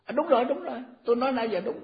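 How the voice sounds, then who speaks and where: A man's voice: very high-pitched, expressive, racing, creaky. A man in his eighties, a Buddhist monk, giving an informal, folksy dharma talk and rattling off memorized verse formulas. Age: 80s. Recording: echoey, muffled recording.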